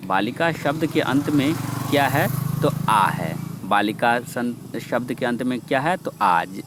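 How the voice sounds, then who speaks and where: A man's voice: medium pitch, animated, unhurried, heavy background noise. A male teacher explaining grammar and reciting word forms for students to repeat. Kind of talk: Sanskrit grammar lesson with drills.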